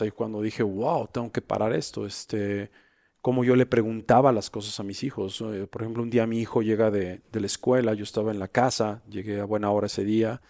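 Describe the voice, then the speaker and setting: A middle-aged man, a coach and guest, telling personal stories in a lively, dramatized way. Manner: animated, acts out dialogue with big pitch jumps. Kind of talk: conversational storytelling.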